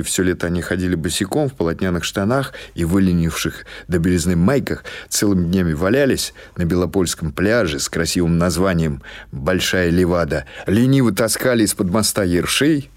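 A low-pitched male narrator reads an audiobook of literary fiction. He tells the story in a measured, expressive way.

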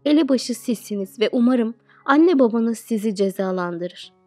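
A woman's voice: on the high side, animated, moderate pace, darkish tone, no room sound, studio quality, faint music behind. A woman reading the lines of a stern father scolding his children in an audiobook, in a reproachful way.

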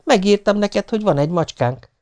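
An exasperated middle-aged wife with a sharp tongue, put on by a man reading a novel aloud. Her voice sits well above the reader's own and leaps about as she scolds. She sounds like a storybook spouse who does all the work. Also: expressive. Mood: coaxing. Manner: scolding, shrill when angry.

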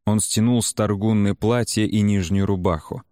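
A man narrating an audiobook in a measured, even storytelling manner. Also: lowish voice, no room sound, clean studio sound.

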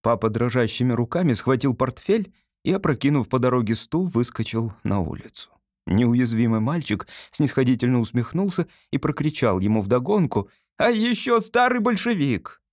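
Sex: man. Style: audiobook reading. Delivery: lively, wide-ranging intonation, expressive. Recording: dry, close-miked. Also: medium pitch, normal speed, dry recording. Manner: expressive storytelling. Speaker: narrator.

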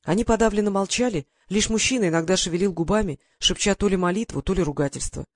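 A man reading a first-person adventure story aloud in steady storytelling style with dramatic lifts. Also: high voice, quick pace, dry recording, studio quality. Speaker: audiobook narrator. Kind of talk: scripted first-person narration.

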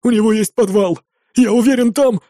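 A man voicing a terrified peasant who pleads hoarsely for his family's lives. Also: sits high, moderate pace, mellow, no echo, clean studio sound, pitched above the performer's own voice, lightly acted. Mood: anxious.

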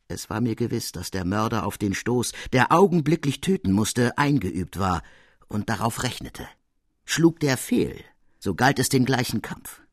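A man voicing a proud, soldierly male count with a husky voice, speaking in a measured, courtly and emphatic way. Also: mid-range voice, dry recording, clean studio sound.

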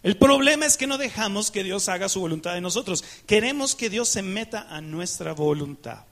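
A man's voice: sits high, expressive, normal speed, fairly bright tone. A man preaching a sermon, asking the congregation questions and acting out prayers to God. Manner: asks the congregation questions, rhetorical and emphatic; acts out dialogues with God in prayer. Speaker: pastor.

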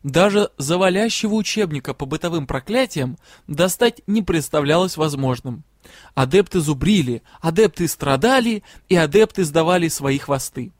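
A man reads a first-person fantasy novel aloud in a measured, quiet storytelling voice. His pitch sits a little above the usual for men. The recording is dry and close, with no room sound. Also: animated, dry recording. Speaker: audiobook reader.

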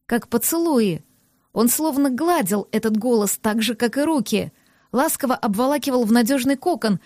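A woman narrating a first-person audiobook in a lively, expressive way. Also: fairly high pitch, no room sound, clean studio sound. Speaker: audiobook reader.

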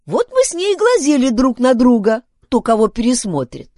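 A woman doing a high, haughty, indignant girl. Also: wildly swooping pitch, normal speed, dark tone, no echo, studio quality, full character voice. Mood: stubborn.

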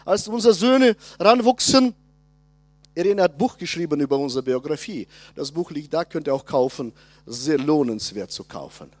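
A man, preaching a conference sermon and addressing the congregation directly, moving between loud emphasis and quiet asides. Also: sits high, no room sound. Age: 60s.

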